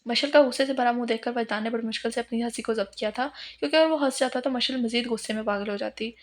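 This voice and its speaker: A woman narrating a romance novel with a steady, even reading. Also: fairly high pitch, fast. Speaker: novel reader.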